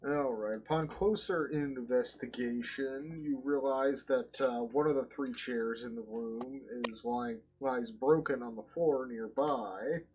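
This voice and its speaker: Man, game master, slow narration, husky tone, measured pauses. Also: medium pitch, a little mellow, poor audio.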